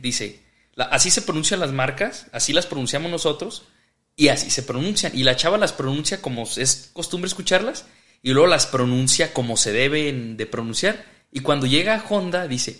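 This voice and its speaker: Bright-voiced man, chatty. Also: on the high side. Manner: laughs often, acts out quoted dialogue. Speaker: motorcycle vlogger guest. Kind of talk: casual chat.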